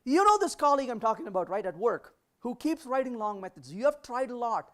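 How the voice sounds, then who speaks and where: A woman with a fairly high, sing-song voice speaks briskly at a developer conference, questioning the audience and acting out short dialogues.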